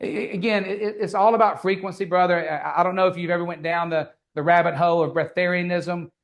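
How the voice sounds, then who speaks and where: High-voiced stammering man. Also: steady tone, fast talker. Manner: stammering restarts, calls listener brother. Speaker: podcast host. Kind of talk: casual podcast chat.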